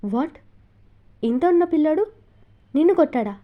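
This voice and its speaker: A woman's voice: high-pitched, quick pace, phone-quality sound, natural voice. A woman voicing a stern female schoolteacher who scolds the children in a storybook reading. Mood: scolding. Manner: scolding, disbelieving.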